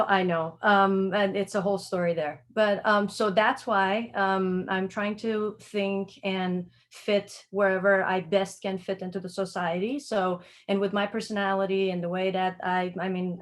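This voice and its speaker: Iranian-born phd student, hesitant and wordy, middle voice. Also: female voice, mid-range voice. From Iran. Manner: hesitant, searching for words. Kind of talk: self-introduction on a video call.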